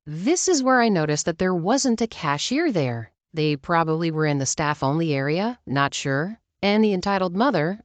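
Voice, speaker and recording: A woman's voice: lowish voice, dry recording. A woman narrating a Reddit story in the first person, with sarcastic asides. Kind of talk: reading a Reddit story aloud.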